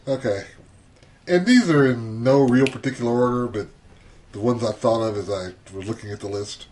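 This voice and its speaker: A man co-hosting a casual sports podcast, relaxed and hesitant with many filler sounds as he runs through a list. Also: mid-range voice, normal speed. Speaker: podcast co-host.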